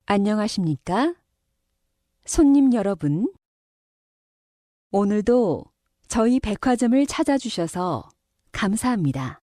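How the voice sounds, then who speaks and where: Slow, deliberate woman announcer, dry studio sound. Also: mid-range voice, very animated, mellow, no room sound. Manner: polite, formal, carefully enunciated. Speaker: announcer reading exam listening passages. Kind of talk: scripted public announcement for a language listening test.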